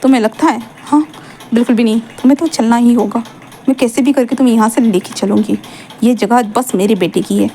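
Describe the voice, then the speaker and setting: A woman's voice: on the high side, brisk, mellow, slight background noise, natural voice. A woman voicing a haughty, scheming older woman who speaks with cold scorn, read out within a fan-fiction story. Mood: scornful.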